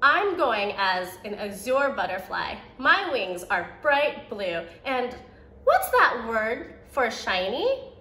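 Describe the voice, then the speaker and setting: By a brick fireplace indoors, a young preschool teacher reads a picture book to children, voicing the quoted lines expressively. Her voice is a little high, sing-song, slow, pushed and bright. The room is reverberant.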